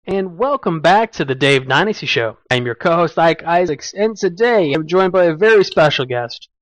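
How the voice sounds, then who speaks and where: A man's voice: on the high side, expressive, moderate pace, no room sound, rough recording. A man co-hosting a podcast and conducting an interview in an upbeat, friendly way. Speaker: co-host interviewer.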